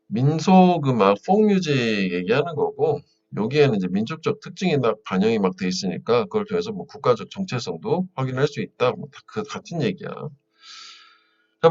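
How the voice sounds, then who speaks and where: A man walks students through an English passage in a loose, conversational lecture, his pitch rising and falling a lot. He sounds a little far from the mic, and the recording is dull. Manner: casual spoken style, fillers, asks students checking questions. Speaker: English teacher.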